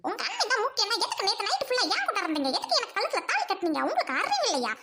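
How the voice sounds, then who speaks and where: A woman acting a sharp-tongued, quarrelsome young bride in a Tamil audio drama, scolding her husband and his family. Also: very high-pitched, big pitch swings, racing, over loud music. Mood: defiant.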